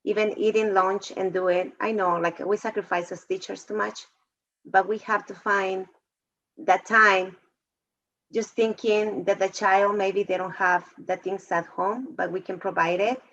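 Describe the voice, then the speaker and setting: This fourth grade teacher, a woman from Mexico, has a medium pitch and a steady tone on a video call discussion. Warm and emotional, she speaks in halting phrases, heard through dull, lo-fi call audio.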